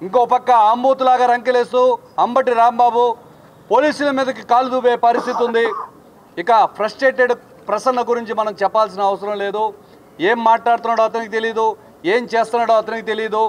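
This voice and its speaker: High-voiced combative political speaker, man. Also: level tone, fast. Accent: Telugu. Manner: combative, scolding. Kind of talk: political statement to press.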